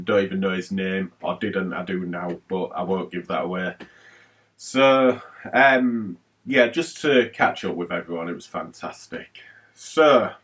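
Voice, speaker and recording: A man's voice: on the low side, recorded from a distance. A man hosting a retro gaming haul vlog, chatting casually and rambling with lots of fillers.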